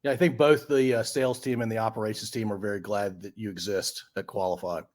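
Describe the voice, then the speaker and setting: A podcast host from Central Virginia chats casually, rambling a little and dropping plenty of "uh"s as he sets up his questions. He's friendly, with a lowish, steady voice and a quick pace.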